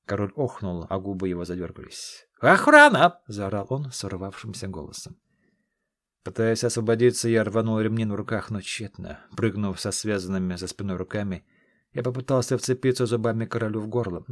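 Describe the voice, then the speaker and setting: Low-voiced man narrating a story. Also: no room sound. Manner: steady, measured storytelling. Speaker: audiobook narrator. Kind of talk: scripted first-person fantasy narration.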